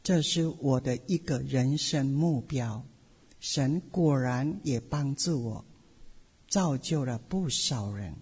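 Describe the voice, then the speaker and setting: A middle-aged woman pastor giving a personal testimony sermon, telling her story in an animated way with playful asides. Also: very deep voice, slow pace, husky. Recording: long hall reverb.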